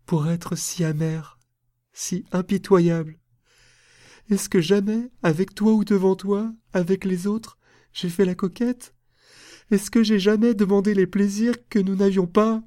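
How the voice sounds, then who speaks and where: A man's voice: high-pitched, fairly even intonation, a little slow, darkish tone, no echo, studio quality, pitched above the performer's own voice. A man reading aloud voices a proud, passionate young woman in a storybook, with an impassioned, theatrical delivery. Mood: indignant.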